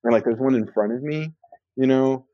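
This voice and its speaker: An American man with a mid-range voice speaks fairly quickly in a casual, playful chat full of "like" fillers. His delivery is loose, and the recording has a dry, somewhat dull quality.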